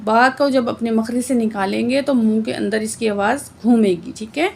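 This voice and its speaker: A woman teaching Quran recitation word by word, explaining the rules plainly and reciting verses slowly with drawn-out sounds. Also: fairly high pitch, creaky, a little hiss or hum. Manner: often adds "theek hai" to check understanding. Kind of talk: slow word-by-word recitation lesson.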